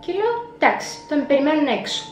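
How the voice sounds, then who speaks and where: A woman's voice: sits high, animated. A young woman telling a personal story in a vlog, acting out her own past words with dramatic flair. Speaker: vlogger. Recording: echoey room with faint music.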